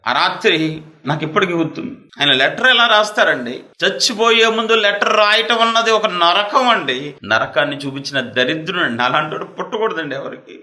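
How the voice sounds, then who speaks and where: A pastor delivering a fervent sermon in a very bright, forceful voice. He rises into loud, passionate outbursts and then drops into low, quiet asides. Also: a little fast.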